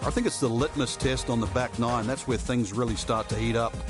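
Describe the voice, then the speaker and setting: A man's voice: mid-range voice, fairly even intonation, a little fast, natural voice. A man playing a knowing, opinionated golf commentator, giving conversational, explanatory analysis for a video game broadcast. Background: music.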